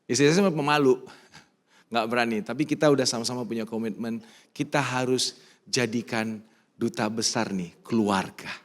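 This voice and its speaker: Man, middle-aged, Indonesian accent, pastor, church sermon, mid-pitched, emphatic then soft. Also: normal speed. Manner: animated preaching, mixing in English phrases, drops to soft personal storytelling. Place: church sanctuary.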